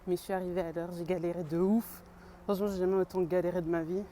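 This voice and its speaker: A woman's voice: on the low side, little pitch movement, quick pace, warm tone, slight background noise. A woman vlogger chatting casually and slangily, as if to friends. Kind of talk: casual vlog chat.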